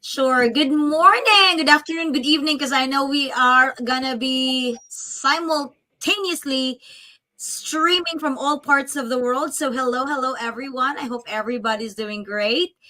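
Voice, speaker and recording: A woman's voice: high-pitched, measured pace, sharp tone, rough recording. A woman around forty, a business coach introducing herself cheerfully on a livestream. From Philippines. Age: 40s.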